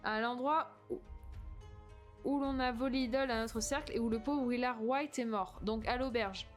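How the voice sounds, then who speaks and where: A woman's voice: on the high side, moderate pace, soft background music. A young woman streaming a game, chatting casually, hesitant and reading game text aloud. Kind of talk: casual let's-play chat.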